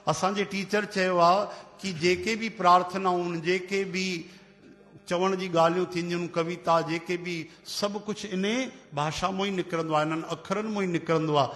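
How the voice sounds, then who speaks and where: A man with a somewhat high voice tells devotional stories to a gathering. He is animated and acts out the people in his tales, and his voice rings with a long hall reverb. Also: moderate pace. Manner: animated, acts out quoted voices, calls out chants. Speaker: religious storyteller. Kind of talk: devotional sermon storytelling.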